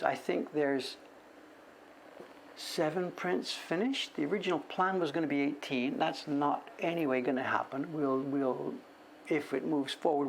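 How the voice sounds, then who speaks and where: A man in his sixties talks casually about his printmaking on a livestream, meandering, correcting himself, and speaking about himself in the third person. His voice is fairly high and gravelly, with a little hiss or hum.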